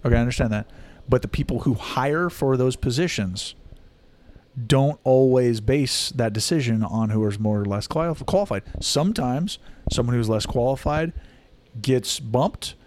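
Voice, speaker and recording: A young man co-hosting a casual podcast, talking in an animated way, swearing freely and acting out the people he quotes. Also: mid-range voice, normal speed, a little hiss or hum. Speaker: podcast co-host.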